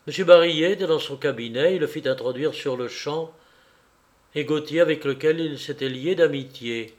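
A man reading a classic novel aloud as an audiobook narrator in a slow, dramatic, measured way. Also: fairly high pitch.

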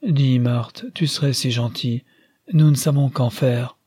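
A man's voice: medium pitch, fairly even intonation, unhurried, mellow, husky, no echo, clean studio sound. A man reading aloud, voicing an anxious, helpless widowed old father who frets in a plaintive way. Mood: fretful. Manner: plaintive, fussing.

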